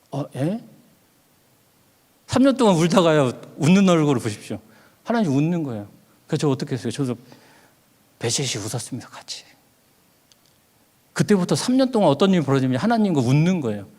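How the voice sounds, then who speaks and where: A man's voice: a little high, darkish tone. A middle-aged male pastor preaching a sermon, telling a personal story and acting out his own past words. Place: church sanctuary. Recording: long hall reverb.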